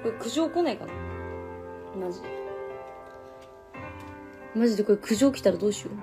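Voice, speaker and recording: A young woman with a mid-range, expressive voice chats briskly over music on a live stream from the corner room of her apartment. Between karaoke songs she reads viewer comments aloud, keeping her voice down so the neighbours won't complain.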